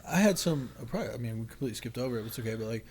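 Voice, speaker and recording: A man's voice: medium pitch, lively intonation, racing, darkish tone, a little hiss or hum. A young man sharing his story as a podcast guest, casual and candid, rambling with lots of filler and swearing. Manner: rambling, heavy use of "like" and swearing.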